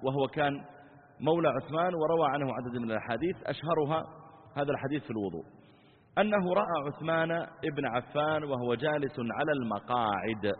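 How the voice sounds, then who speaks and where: A man's voice: medium pitch, breathy edge. A man giving a religious lesson as a sheikh, explaining step by step and acting out people's questions. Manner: explanatory, acts out questioners, repeats phrases. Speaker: sheikh teaching hadith. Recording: tinny phone-like sound in a reverberant hall.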